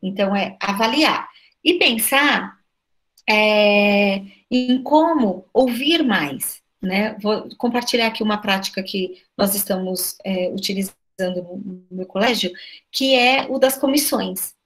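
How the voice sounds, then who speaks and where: A woman's voice: medium pitch, slow pace. A Brazilian woman who runs a school, talking to a group of educators on a video call, full of rhetorical questions. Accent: Brazilian Portuguese. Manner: lively, asks many rhetorical questions, frequent "né?". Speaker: school director speaking at an online educators' meeting.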